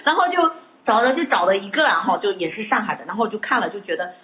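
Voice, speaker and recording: A woman in her thirties tells a personal faith story in a lively, exclaiming way, often repeating her words. Her voice sits at an ordinary pitch for a woman. The sound is thin and tinny, as if heard over a phone line. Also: quick pace, slight background noise. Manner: animated storytelling with many repetitions and exclamations. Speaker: church member giving a testimony.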